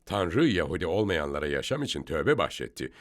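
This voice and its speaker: A low-voiced man leads a scripture study discussion, explaining each passage step by step. His pitch rises and falls a lot as he stresses points, and he sounds emphatic and instructive. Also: big pitch swings, a little fast. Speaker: Bible teacher.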